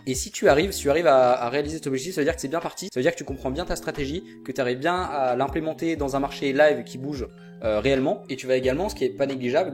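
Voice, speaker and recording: Quick-talking young man teaching. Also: on the high side. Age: young adult. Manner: informal, direct, repeats "vraiment" and many fillers. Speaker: trading educator. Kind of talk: casual spoken lesson.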